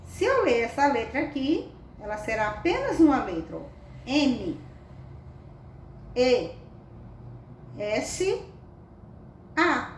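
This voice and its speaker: Woman, children's reading teacher; slow, affectionate sing-song delivery, echoey distant room sound. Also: sits high, sing-song. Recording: echoey room, mic at a distance, faint background noise.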